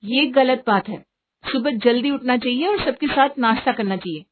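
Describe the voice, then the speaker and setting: A woman's voice: fairly high pitch, normal speed, pitched above the performer's own voice, close to an everyday voice. Woman playing a prim, scolding young sister-in-law. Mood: reproachful. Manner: scolding, sing-song. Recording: tinny phone-like audio, faint hiss.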